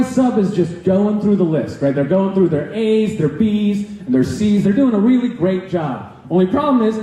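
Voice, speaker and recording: A young American man doing stand-up comedy on a stage mic, animated and tossing in rhetorical asides. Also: sits high. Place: live comedy stage, hall. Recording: very echoey live hall.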